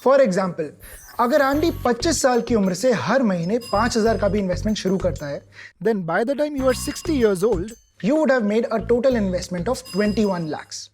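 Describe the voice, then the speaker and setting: A woman as a patient financial advisor in an animated explainer ad, walking through figures slowly and deliberately in mixed Hindi and English. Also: mid-range voice, close to an everyday voice. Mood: explaining. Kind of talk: explainer ad dialogue. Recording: light music behind.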